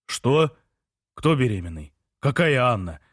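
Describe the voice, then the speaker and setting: A man voicing Jean, an excitable, slow-witted man who shouts questions and announcements, in an audiobook. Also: mid-range voice, husky, dry recording, studio quality. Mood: bewildered shouting.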